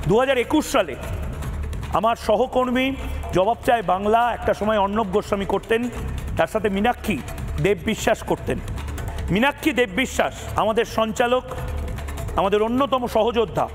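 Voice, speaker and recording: A man's voice: high voice, normal speed, pauses often, long reverb tail, faint music behind. A male news anchor giving emphatic, combative studio commentary.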